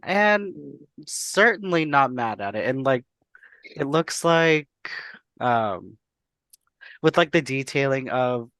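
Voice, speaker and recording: A man's voice: mid-range voice, lively intonation, slow pace, long pauses, a bit bright, smooth, no room sound. A man co-hosting a casual panel review, talking through his critique conversationally. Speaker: podcast co-host reviewing drag looks.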